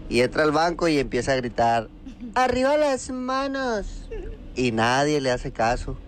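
A man sending in a recorded joke to a radio show, telling it as a playful, animated story. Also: mid-range voice, fairly quick, a little hiss or hum. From Arkansas.

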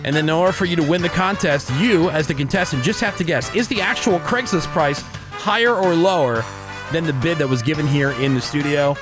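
An American man hosts morning radio in a fairly high voice. He moves between casual banter and contest patter over a clearly audible music bed. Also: brisk. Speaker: radio show host. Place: radio studio.

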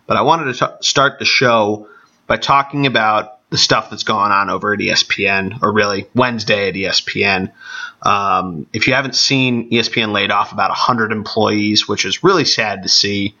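Gravelly-voiced man hosting a casual podcast. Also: fairly low pitch, moderate pace, pushed and bright. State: congested with allergies. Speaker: sports podcast host. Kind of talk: casual solo podcast talk. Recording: dull, band-limited podcast audio.

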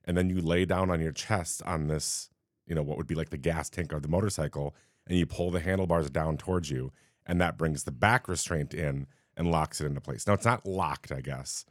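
A man's voice: extremely low pitch, no echo, clean studio sound. A man co-hosting a theme park podcast, explaining things at length with many "um"s and restarts. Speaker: podcast co-host. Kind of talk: casual chat.

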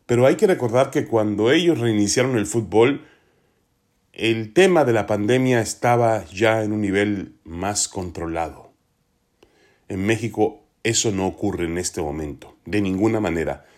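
Low-voiced man giving earnest sports commentary. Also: a little mellow. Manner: earnest, deliberate, emphatic. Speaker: sports podcast host.

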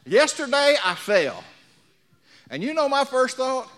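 Very high and sing-song, this man's voice moves at a measured pace with a slightly bright quality. He's a pastor in his sixties delivering a folksy sermon to a congregation, sharing anecdotes and posing questions to those listening.

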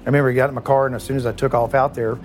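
A middle-aged man, a former police chief recalling a painful night in a halting, emotional way, often repeating words and dropping his voice. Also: medium pitch, little pitch movement, slight background noise. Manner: halting, repeats words, quiet and heavy at times. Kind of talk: emotional first-person recollection.

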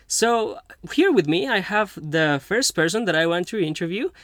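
A man in his twenties who grew up in Costa Rica, hosting a podcast interview in an earnest, halting way with many restarts. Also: high-pitched, animated, a bit bright, no echo, studio quality. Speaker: podcast host. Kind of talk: casual interview chat.

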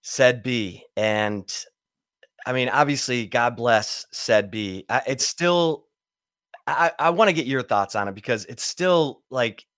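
A man's voice: mid-range voice, takes it slowly, no echo, clean studio sound. Chatty man hosting a sports podcast. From Michigan. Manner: chatty storyteller, warm welcomes. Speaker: podcast host. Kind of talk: casual sports podcast chat.

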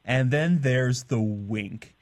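A man's voice: mid-range voice, takes it slowly, darkish tone. A man co-hosting a casual comedy podcast, eagerly recapping a TV episode. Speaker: podcast co-host.

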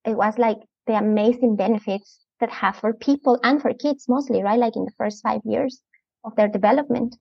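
Chatty Ecuadorian woman with a gravelly voice. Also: a little high, normal speed, no echo. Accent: Latin American Spanish. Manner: enthusiastic, chatty, laughs often. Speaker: outdoor preschool educator, guest. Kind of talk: casual interview chat. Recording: muffled lo-fi podcast audio.

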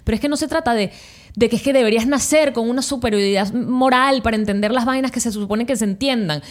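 A woman's voice: on the high side, quick pace. A woman with a Venezuelan accent, co-hosting a podcast in casual chat, blunt and slangy, telling stories with animation. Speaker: podcast co-host.

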